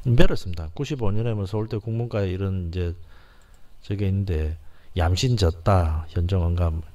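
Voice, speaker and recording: A man with a fairly low voice gives a casual lecture. He keeps repeating terms and slowly sounds out each syllable, often opening a new point with a short "so" before carrying on. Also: warm tone, dull audio. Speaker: lecturer on language history. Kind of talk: informal lecture.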